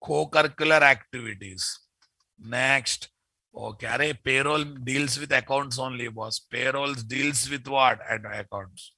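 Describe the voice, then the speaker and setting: A programming instructor with a Telugu Indian accent teaches a live online class, emphatically repeating key phrases and checking that students follow. His medium-pitched voice is steady and sharp at a measured pace, recorded with no echo.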